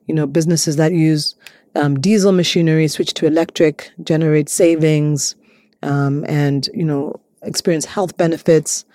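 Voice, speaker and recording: A woman from Malawi, a clean energy innovator, answering interview prompts in a thoughtful way, often pausing with ums and restarting her sentences. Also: low voice, fairly even intonation, mellow, no room sound, studio quality.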